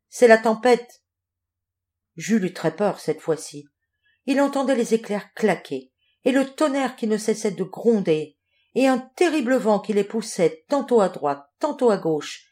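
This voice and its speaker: A woman narrating a children's audiobook in a clear, measured storytelling manner. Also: fairly high pitch, big pitch swings, dark tone. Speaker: audiobook reader.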